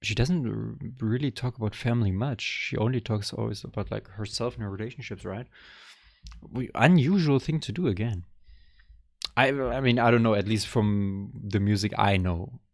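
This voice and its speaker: A man's voice: lowish voice, normal speed, creaky, dry recording, studio quality. A young man casually reacting to an album, thinking aloud in a rambling, hesitant way. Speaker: music reaction vlogger.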